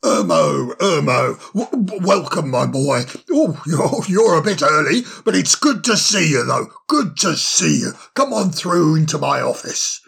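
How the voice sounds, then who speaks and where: A man's voice: fairly high pitch, sing-song, unhurried, vocal fry, few pauses, fairly bright tone, breathy edge, exaggerated voice. A man voicing a cheerful, fussing older male owl doctor who chuckles as he fusses over a guest in a storybook reading.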